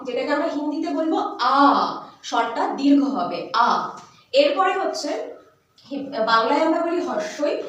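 A high-pitched woman teacher who walks her students patiently through each letter and sound. She sounds set back from the mic, and her voice rings in a very echoey room. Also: a bit bright, recorded from a distance. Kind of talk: basic language lesson.

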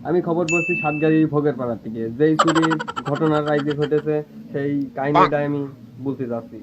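A man plays an earnest village field reporter in a parody newscast. The voice is fairly high, with a western Bangladeshi accent, over a noisy, clicky amateur recording. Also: steady tone, a little fast, highs cut off, close to an everyday voice. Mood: mock-earnest. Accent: western Bangladeshi, Chuadanga area. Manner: parody news reporter delivery, mock-earnest. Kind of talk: parody live news report.

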